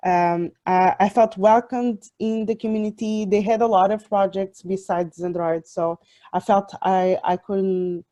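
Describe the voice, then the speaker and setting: A young woman from Portugal, a software developer, giving an online talk with many fillers and restarts. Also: mid-range voice, fairly even intonation, unhurried. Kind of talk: online presentation.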